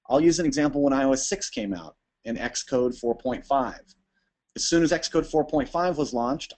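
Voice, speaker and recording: A man presenting a webinar to app builders, talking fast and energetically with frequent restarts and ums. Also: medium pitch, darkish tone. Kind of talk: informal talk to users.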